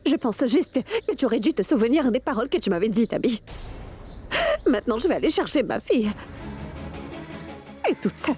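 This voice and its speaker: A high-pitched, lively young mother, voiced by a woman in a dubbed television drama. She speaks urgently and with reproach. Faint music runs under her lines. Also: fairly quick, long pauses, natural voice. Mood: reproachful. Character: determined young mother searching for her daughter. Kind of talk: French dub of a TV drama. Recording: soft music under dialogue.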